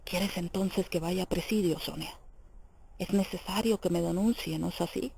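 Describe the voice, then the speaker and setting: A woman's voice: mid-range voice, normal speed, dark tone, slight background noise, close to an everyday voice. A woman reading the part of a tormented young male murderer in an audiobook, in a brooding, intense, questioning manner. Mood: sombre.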